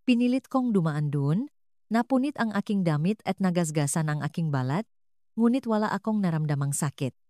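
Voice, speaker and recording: A woman narrating a dramatic first-person story in an earnest, measured manner. Her voice sits low, and the recording is dry with no room sound. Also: expressive, warm tone, no echo.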